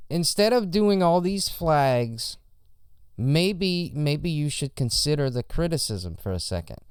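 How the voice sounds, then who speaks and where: A man's voice: fairly high pitch, big pitch swings, unhurried, clean tone, no echo, studio quality. A man missing his front teeth, chatting casually on a podcast in an emphatic way, with heavy swearing. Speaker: podcast co-host or guest.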